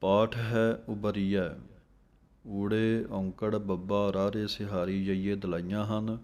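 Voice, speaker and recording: Male scripture teacher, low flat delivery, very slow and methodical. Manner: recites verses slowly, then explains letter by letter. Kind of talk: slow recitation lesson with spelling explanations.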